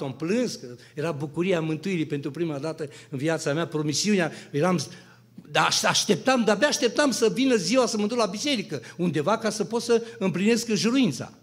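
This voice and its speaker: A man with a Romanian accent giving a testimony to a church congregation, telling his story with animation and acting out the voices in it. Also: fairly high pitch. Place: church sanctuary.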